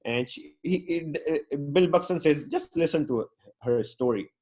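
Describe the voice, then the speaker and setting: A Pakistani man, with English as his fourth language, talks casually to an online audience as a UX designer, rambling and outgoing, full of fillers and restarts. His voice is fairly high and dark-toned at a moderate pace, with soft music behind him.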